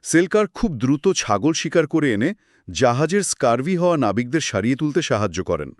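Man, co-host, scripted history chat, animated pitch, dry close sound. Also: a little fast, dry recording.

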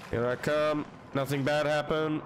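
Slow-talking man joking through a horror game. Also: a little high, level tone, slight background noise. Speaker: gaming streamer. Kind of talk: let's play commentary.

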